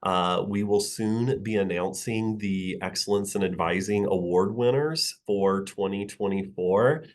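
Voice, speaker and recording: Low-voiced man, nasal with a cold. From Missouri. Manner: measured, frequent uh fillers. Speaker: director of advising center, forum host. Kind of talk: opening announcements at a virtual staff forum.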